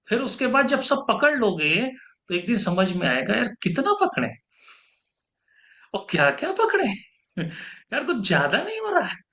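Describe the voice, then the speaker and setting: A man leads a spiritual teaching talk in a bright, clear voice. His pitch swings widely as he explains, and it climbs high when he quotes others. He works through each idea with repeated examples. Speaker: meditation teacher. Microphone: podcast mic.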